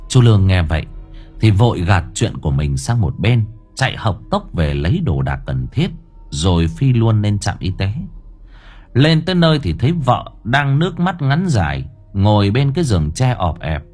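A man narrates a village ghost story with animated, swinging intonation. His voice sits low and husky, and soft music plays quietly behind him. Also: moderate pace. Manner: expressive, lively storytelling. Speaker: audiobook narrator.

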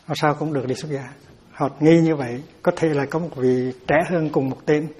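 A man's voice: on the high side, steady tone, normal speed, a little mellow, slightly rough. A man giving a Buddhist dharma talk as teacher, explaining terms patiently and often repeating words as he searches for them.

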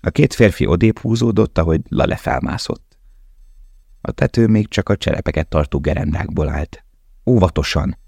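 A man reading an audiobook in a steady, measured narration. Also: deep voice, creaky, husky, no echo, clean studio sound. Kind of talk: scripted narration.

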